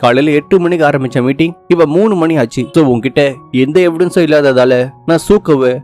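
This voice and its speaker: A man with a fairly high voice tells a drama story in a playful, chatty way, slipping into each character's voice as he goes. He jokes in asides between lines. Soft music plays under his voice-over. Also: brisk. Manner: colloquial, jokey asides, shifts pitch for characters. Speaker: drama recap narrator. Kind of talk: casual comic storytelling, voicing all characters. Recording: voice-over with faint music behind.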